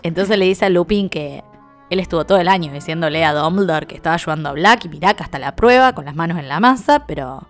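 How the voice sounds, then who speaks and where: A woman's voice: fairly low pitch, animated, fast talker, soft background music. A woman co-hosting a podcast, retelling scenes in a casual, wry way with dry humor. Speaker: podcast co-host. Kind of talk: casual chat retelling a story.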